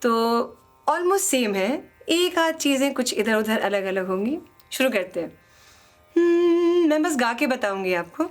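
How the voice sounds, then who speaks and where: A woman teaching a song, explaining quickly in speech and singing phrases slowly to demonstrate. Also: on the high side, lively intonation, soft background music.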